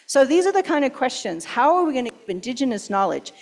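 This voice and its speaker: A woman's voice: high voice, big pitch swings, fast. A woman giving a conference keynote and answering questions, emphatic and urgent, often posing rhetorical questions. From Pacific Northwest, US. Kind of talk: conference talk and Q&A.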